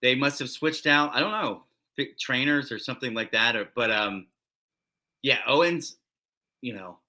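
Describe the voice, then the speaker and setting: Very bright-voiced man in casual chat. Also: medium pitch, moderate pace. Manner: rambling, many fillers and restarts, laughs often. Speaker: co-host of a wrestling recap show.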